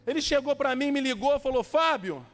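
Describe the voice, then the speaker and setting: A man's voice: very high voice, normal speed, long reverb tail. A man preaching as a pastor, telling stories with acted-out dialogue and urging his listeners on. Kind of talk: sermon.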